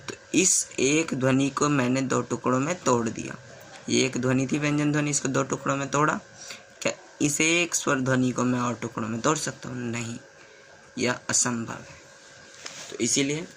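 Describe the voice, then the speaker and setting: A man teaching the alphabet in a slow classroom way. He repeats sounds, asks the class questions and writes on a board as he goes. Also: medium pitch, a bit bright, a little hiss or hum. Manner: stops to write on a board while talking. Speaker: Hindi teacher.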